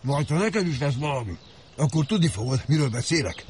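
A man's voice: a little high, animated, a little mellow, slight background noise, lightly acted. A man playing a gloomy, blunt factory worker who talks coarsely about dead friends and his own health.

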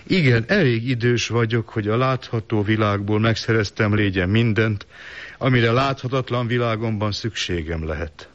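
A man reading a first-person literary story in a measured, calm, reflective way, on a dull lo-fi recording. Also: on the low side. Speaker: narrator.

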